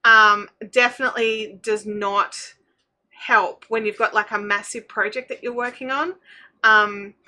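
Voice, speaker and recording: Bright, high-voiced Kiwi woman chatting casually. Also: fairly even intonation, measured pace. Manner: scattered, self-interrupting, thinking aloud, informal slang. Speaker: craft livestream host. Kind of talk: casual chatty livestream while knitting.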